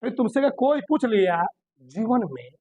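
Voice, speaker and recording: In a classroom lecture on chemistry delivered in Hindi, a man speaks in a very high, very animated voice that is a little mellow, at a normal pace. There's no room sound as he poses questions to the students, supplies the answers himself, and stresses key terms by repeating them.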